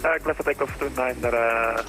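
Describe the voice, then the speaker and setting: A man's voice: medium pitch, fairly even intonation, moderate pace, music in the background. A man speaking as a pilot over the radio, giving clipped readbacks to air traffic control with hesitant fillers. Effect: pilot talking over the radio. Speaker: airline pilot.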